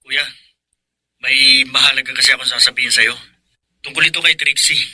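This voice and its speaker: Miguel, an earnest worried brother. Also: male voice, mid-range voice, fairly even intonation, moderate pace, pushed and bright, dry recording. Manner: earnest, pleading. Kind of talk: radio drama acting.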